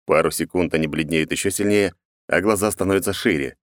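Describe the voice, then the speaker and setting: A man narrating a first-person audiobook in a sardonic, deadpan manner. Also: low voice, fairly quick, no echo, clean studio sound.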